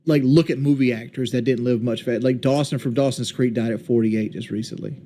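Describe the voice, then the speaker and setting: A man in his late thirties in a casual voice chat, rambling candidly and haltingly. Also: mid-range voice, fairly even intonation, dark tone. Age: 30s. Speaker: streamer.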